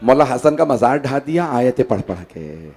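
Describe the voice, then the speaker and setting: A man preaching a mourning sermon in a hall, telling the story with dramatic oratory that swings between loud declaiming and a hushed, lamenting voice. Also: mid-range voice, big pitch swings, moderate pace. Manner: storytelling, acts out quoted speakers. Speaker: Shia cleric reciting a Muharram majlis. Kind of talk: impassioned majlis sermon. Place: large gathering hall.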